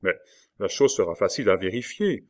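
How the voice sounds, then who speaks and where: A fussy, frail older official exclaims and lectures with self-important pomp, as a man reads him in a storybook. The voice sits low and carries a proud, prim edge. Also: animated, a little fast, darkish tone, close to an everyday voice. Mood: curious. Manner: pompous, exclaiming.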